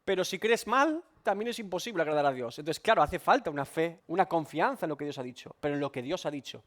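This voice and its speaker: Pastor guy teaching a bible study, high animated voice, keeps rephrasing and asking questions. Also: fast talker. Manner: emphatic, repeats and rephrases points, asks rhetorical questions. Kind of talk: expository Bible study sermon.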